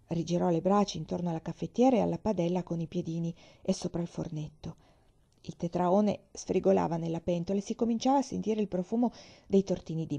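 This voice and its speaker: A woman reading a novel aloud in a calm, expressive storytelling manner, on a slightly dull recording. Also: lowish voice, gravelly, slightly rough. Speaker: reader.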